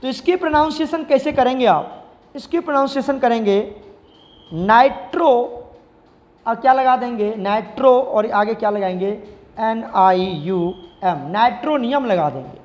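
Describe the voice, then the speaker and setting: A man's voice: very high voice, brisk, long reverb tail. A male chemistry teacher, giving a classroom lecture and repeatedly asking the class questions and answering them himself. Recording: slightly dull lo-fi sound.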